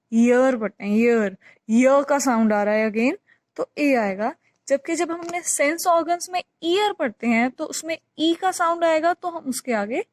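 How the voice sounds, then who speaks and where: A high-voiced woman, an English teacher, patiently walks through a grammar lesson, repeating the key points with examples. There's no room sound.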